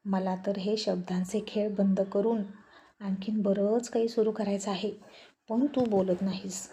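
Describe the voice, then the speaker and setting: A woman's voice: medium pitch, fairly even intonation, measured pace, dark tone, natural voice. A woman storyteller voicing a bold, teasing young village man who coaxes his sweetheart in a spoken romance story. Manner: coaxing, playful.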